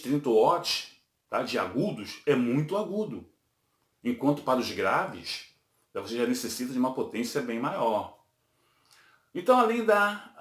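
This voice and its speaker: A man's voice: fairly high pitch, echoey room. A man teaching a physics lesson, explaining step by step and checking in with tag questions.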